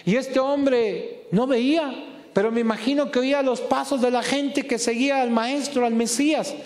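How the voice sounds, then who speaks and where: A man preaching a sermon in a church hall, impassioned and rising to shouts as he acts out quotes. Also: very high-pitched, fairly even intonation, fairly quick. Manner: impassioned, rises to shouting when acting out quotes. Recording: long reverb of a hall.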